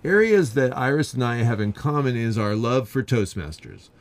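A man's voice: medium pitch, expressive, moderate pace. A man hosting a radio interview, who reads a prepared introduction and asks friendly questions. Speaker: radio show host, Toastmasters club president.

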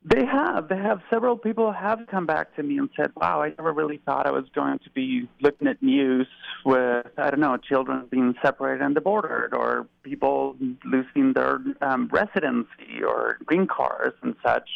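A man's voice: medium pitch, normal speed, creaky, dry recording, muffled recording. A man from Argentina, calling in as a guest on a radio show and answering thoughtfully with frequent ums. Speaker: guest caller, research fellow. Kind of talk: phone-in interview.

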